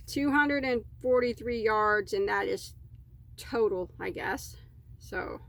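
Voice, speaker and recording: A woman's voice: mid-range voice, gravelly. Chatty woman unboxing yarn. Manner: chatty, easily delighted, rambling asides. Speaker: crochet vlogger. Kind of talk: casual yarn unboxing chat.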